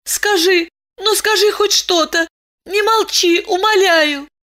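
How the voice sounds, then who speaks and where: Give me a woman playing a panicked young woman in a storybook reading, her voice pitched high and tight, pleading and pressing for answers. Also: takes it slowly, bright, forceful tone, exaggerated voice. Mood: desperate.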